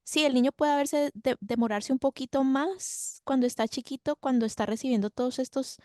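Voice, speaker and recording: A woman advising parents in an online workshop, her voice a little high. She speaks in an earnest, advising way. The sound is dry and close. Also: fairly quick, dark tone, no echo. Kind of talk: workshop talk answering parents.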